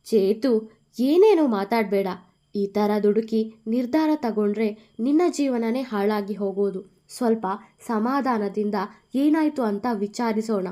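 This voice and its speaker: A woman voicing a concerned elder woman of the house, loud and coaxing. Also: a little high, measured pace, natural voice. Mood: worried, coaxing.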